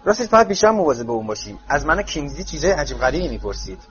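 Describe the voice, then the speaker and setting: A tired, friendly young witch who yawns through her words, voiced by a man reading a storybook. Her voice sits higher than his own, with a lively lilt. The recording is slightly dull, with faint music underneath. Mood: chatty. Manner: yawning, drowsy. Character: young adult woman auror, sleepy and friendly.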